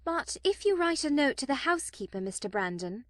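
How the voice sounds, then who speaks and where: A woman's voice: high-pitched, big pitch swings, no room sound, studio quality, voice pushed up. A woman voicing an eager, impulsive young woman. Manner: eager, quick.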